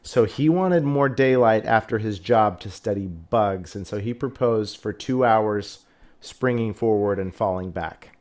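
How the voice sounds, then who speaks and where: A man's voice: fairly low pitch, unhurried, a little mellow. Chatty man rambling through a story. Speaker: host. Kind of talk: casual live stream chat.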